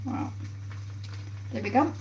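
A woman, chatting casually to her live viewers while she cooks in her home kitchen. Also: takes it slowly. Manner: chatty, talks to viewers while busy at the stove. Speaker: cooking livestream host. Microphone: phone camera close by on the counter. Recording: kitchen noise, pans sizzling behind.

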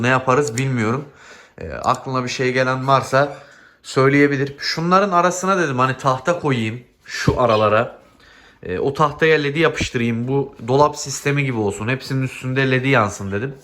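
A man's voice: medium pitch, a bit bright. A man, a bird breeder, chatting casually to his viewers in an indoor breeding room under renovation, his voice echoing in the half-empty space. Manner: chatty, addresses viewers as friends. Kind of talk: casual vlog talk to viewers.

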